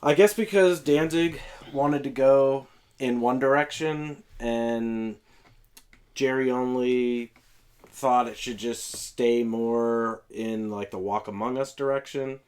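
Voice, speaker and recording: A man's voice: mid-range voice, slow, a little mellow. Thoughtful, hesitant male music fan. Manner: thoughtful, hesitant, with ums and restarts. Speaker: guest, longtime fan. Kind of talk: casual chat about records.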